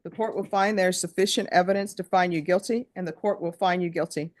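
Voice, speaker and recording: A woman's voice: on the low side, fairly even intonation, fast talker. Female judge in formal courtroom delivery. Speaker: judge presiding over a plea hearing. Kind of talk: formal courtroom questioning, scripted legal recitation.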